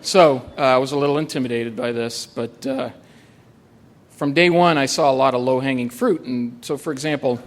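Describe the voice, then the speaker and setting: A man tells a personal story on stage at a live storytelling event. His humor is wry and understated, and he pauses on frequent "uh" fillers. His voice sits at a middle pitch for a man. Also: slight background noise. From United States.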